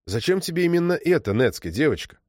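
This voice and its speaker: A man voicing a gruff, short-tempered adult businessman who talks bluntly. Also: a little high, big pitch swings, fast, a little mellow, no room sound, clean studio sound, voice pushed up.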